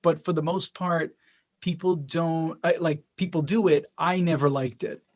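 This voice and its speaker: A middle-aged man from Israel hosting a casual interview, quick to jump in and restarting his questions as he goes. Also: on the high side. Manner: lively, repeats and restarts words when asking questions. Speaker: host.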